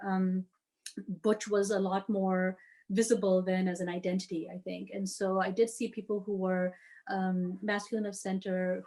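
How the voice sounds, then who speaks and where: A woman in her forties from the Washington, D.C. area, telling her family story in a casual, tentative way with frequent fillers. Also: mid-range voice. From United States, D.C. area. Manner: tentative, many fillers, warm laughs. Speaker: podcast guest sharing her story.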